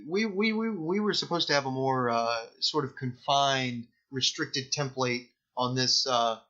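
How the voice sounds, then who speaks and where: Young southern guy on a podcast, crude jokes, swears constantly, bright voice, muffled lo-fi recording. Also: medium pitch, measured pace. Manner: crude, joking, heavy swearing. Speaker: podcast co-host. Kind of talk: casual chat. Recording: dull lo-fi podcast audio.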